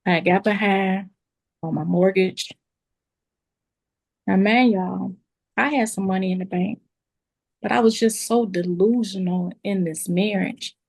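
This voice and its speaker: A woman's voice: medium pitch, vocal fry. A woman who owns a beauty school, telling her story with feeling, talking straight to the group as y'all. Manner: animated storytelling, addresses listeners as y'all. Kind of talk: emotional testimonial storytelling.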